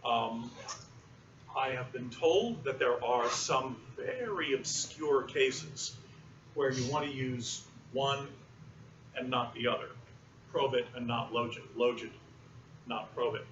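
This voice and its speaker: A male university lecturer teaching a class in a relaxed, explanatory way, often pausing with fillers. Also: medium pitch. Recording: roomy, muffled, distant classroom recording with noise.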